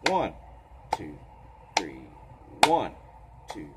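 A man teaching a clawhammer banjo lesson, a little tired, counting beats aloud in a relaxed, casual way. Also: sits low, very slow, very noisy. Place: porch. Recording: banjo playing behind.

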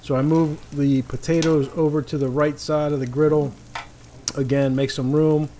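A man with a slightly high, warm, level voice talks at normal speed as host of an informal outdoor cooking show. Beside a griddle on a paved patio, he gives folksy, easygoing instructions while food fries and sizzles clearly behind his voice.

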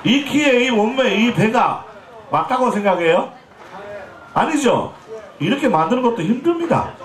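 This high-pitched Jeolla man in his forties is a pumba street performer doing comic banter with the crowd, joking, teasing and chatting. He's on an outdoor festival stage, his throat a bit scratchy, with echoey PA sound.

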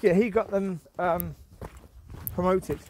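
A man's voice: sits high, steady tone, takes it slowly, darkish tone, slight background noise. A man chatting casually as he walks his dogs outdoors along a countryside path, rambling and often restarting or trailing off. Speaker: vlogger and dog owner. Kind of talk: walk-and-talk vlog.

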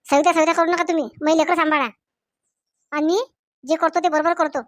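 A woman's voice: very high voice, flat delivery, fairly quick. A woman voicing a stern young husband in a comedy sketch, firm and scolding, in a Varhadi Marathi accent. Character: young husband, stern, trying to keep the peace.

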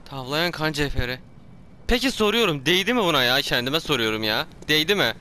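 A man commenting on his own gameplay, talking to himself, yelling and swearing when startled, his throat sore from shouting. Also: a little high, lively intonation, a little fast, a little hiss or hum. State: hoarse from shouting. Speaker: gameplay streamer.

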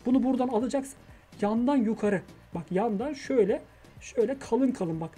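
A man giving comic, mocking reaction commentary over a reality show, with loud exasperated outbursts. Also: very high-pitched, animated, brisk. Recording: show music playing underneath.

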